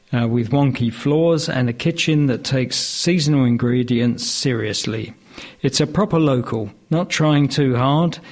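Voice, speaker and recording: A man reads a local news item aloud, halting and stumbling with frequent filler sounds. His voice sits at an ordinary middle pitch for a man. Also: darkish tone. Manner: hesitant, many filler sounds. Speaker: news reader.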